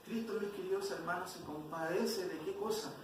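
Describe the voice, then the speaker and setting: High-voiced man teaching. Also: moderate pace. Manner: questions the class, frequent "¿cierto?". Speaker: Sunday school teacher. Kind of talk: expository Bible class. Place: church hall. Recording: very echoey church hall from far off, noisy.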